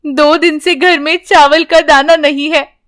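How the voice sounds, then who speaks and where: A woman's voice: high-pitched, a little slow, a bit bright, pitched above the performer's own voice. A woman voicing a poor, frightened young mother in a storybook, speaking in a pleading, tearful way. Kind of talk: storybook character voice.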